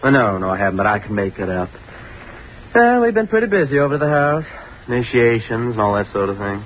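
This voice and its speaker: A man's voice: mid-range voice, sing-song, fast talker, close to an everyday voice. An actor playing a brash, dismissive young fraternity man, blunt and slangy, in a 1930s radio drama. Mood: evasive. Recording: dull, noisy 1930s radio recording.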